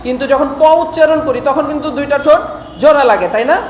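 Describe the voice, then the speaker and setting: A man's voice: extremely high pitch, quick pace. A man teaching an English class, drilling his pupils with questions and repetition and patiently explaining pronunciation step by step. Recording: echoey hall with faint noise.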